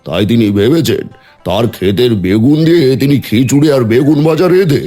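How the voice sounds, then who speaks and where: A man's voice: mid-range voice, very animated, brisk, mellow, faint music behind. Man playing a sly scheming village friend. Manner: teasing, roundabout talk.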